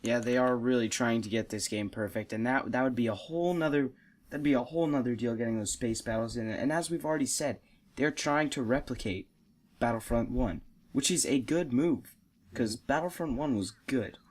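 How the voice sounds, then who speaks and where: A man's voice: medium pitch, normal speed. A young man hosting a casual gaming podcast, giving his opinions with enthusiasm and laughing often. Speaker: podcast host.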